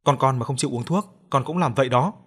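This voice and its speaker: A helpful young mother, voiced by a man in an audio story, speaks politely and kindly. Her voice sits at a middle pitch. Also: quick pace, fairly bright tone, breathy edge.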